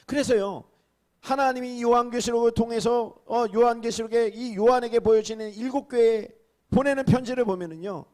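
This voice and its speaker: Korean guy pastor, high-pitched, preaching, drops to near whispers then shouts out rebukes. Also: fairly quick. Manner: acts out rebukes and quoted speech in a raised voice. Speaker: senior pastor. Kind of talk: sermon.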